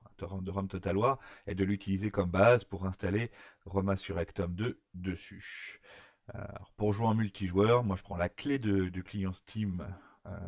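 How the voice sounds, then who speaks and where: Low-voiced man, hesitant tutorial. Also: a little mellow, no room sound, dull audio. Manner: hesitant, many fillers and restarts. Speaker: tutorial maker. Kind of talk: screen-recorded software tutorial.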